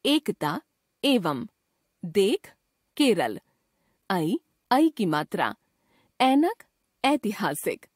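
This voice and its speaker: A woman teacher reading a grammar lesson aloud in a measured, dictating way, listing examples one at a time. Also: mid-range voice, a little mellow, slightly rough, no room sound, studio quality.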